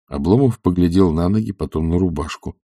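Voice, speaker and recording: Low-voiced male audiobook narrator. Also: dry recording, studio quality. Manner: measured, expressive reading. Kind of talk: audiobook reading of a classic novel.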